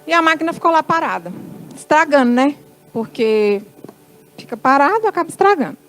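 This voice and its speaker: High-voiced Brazilian woman giving testimony. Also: sing-song, fairly quick, soft background music, poor audio. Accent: Brazilian Portuguese. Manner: storytelling, acts out dialogue with soft quoted lines. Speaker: church speaker giving testimony. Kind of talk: testimony in a church service.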